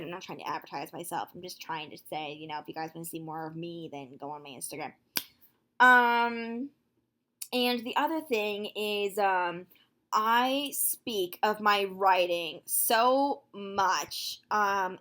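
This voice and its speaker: A nineteen-year-old woman talking casually to her viewers in a vlog, chatty and full of fillers, quick to exclaim. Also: medium pitch. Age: young adult, nineteen. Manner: excitable, quick to gasp and exclaim. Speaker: vlogger.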